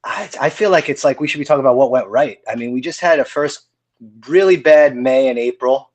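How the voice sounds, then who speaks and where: A hardcore band singer in his forties talks casually as a podcast guest in an interview chat, rambling with many fillers and restarts. His voice is medium-pitched and brisk, and the recording has no echo.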